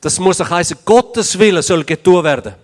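Guy interpreting, high voice, earnest, trips on words now and then. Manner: quick, earnest, sometimes stumbling over words. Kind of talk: live consecutive interpretation.

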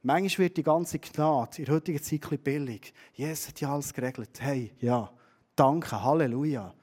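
A middle-aged man with a Swiss German accent preaching a sermon, telling stories animatedly and swinging between loud and hushed. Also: fairly high pitch, normal speed.

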